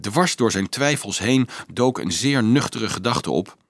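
A man narrating a novel aloud in a measured storytelling manner. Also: on the low side, animated. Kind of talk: audiobook narration.

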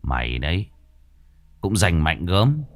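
Give me a stern, cocky young ghost-catcher, read by a man, taunting in a lively tone. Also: deep voice, takes it slowly, no echo, exaggerated voice.

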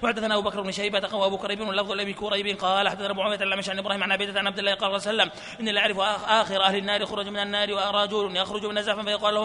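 A man reading hadith chains aloud at a study session, in a rapid, flat recital. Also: high-pitched. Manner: reads fast in a flat chant, laughs softly at times. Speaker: hadith reader. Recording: reverberant hall with faint noise.

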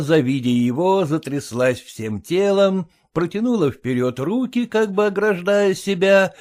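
A man narrating an audiobook in a measured, expressive storytelling manner. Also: on the high side.

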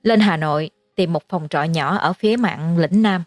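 A woman narrating a horror story in a measured storytelling manner. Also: lowish voice, dry recording. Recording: faint music underneath.

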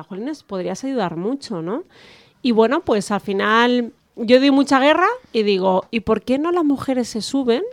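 A woman from La Mancha talks as an interview guest in a loose, chatty way, full of little fillers and restarts. Her voice sits at an ordinary pitch and sounds close and dry, with no room around it. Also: dry recording. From La Mancha, Spain. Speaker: guest, podcast creator. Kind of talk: casual interview talk.

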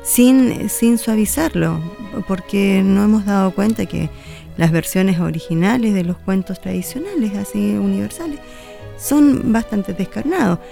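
Woman guest, gravelly and mellow, thoughtful, faint music under. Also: medium pitch. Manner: thoughtful, halting. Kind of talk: radio interview.

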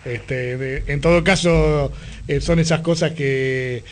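High-pitched Argentine male radio host. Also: steady tone, slow. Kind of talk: conversational radio interview.

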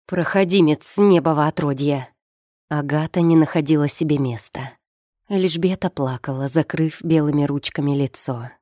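A woman narrating an audiobook with measured, expressive storytelling. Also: sits low, no room sound, clean studio sound. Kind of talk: scripted narration.

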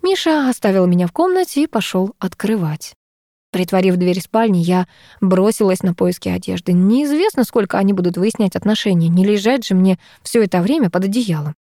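Woman reading a lively first-person audiobook. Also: mid-range voice, fairly quick, no echo, clean studio sound. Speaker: audiobook narrator.

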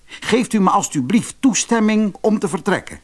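Haughty eldest prince in a fairy tale, curt and raised in pitch, a male narrator doing him. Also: lively intonation, moderate pace. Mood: proud. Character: proud ambitious eldest prince, young man. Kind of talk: storybook reading.

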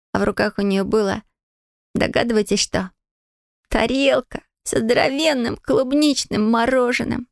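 A woman narrates a children's storybook in an expressive, fairly high voice with a gravelly edge. The recording is dry and close. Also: dry recording. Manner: lively, expressive reading in a child's first-person voice. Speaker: audiobook reader.

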